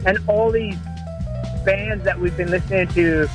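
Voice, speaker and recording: Over music and a remote call line, a Canadian musician answers casual interview questions in an easygoing, hesitant way, full of fillers and restarts. His voice sits high, with fairly even intonation and an unhurried pace.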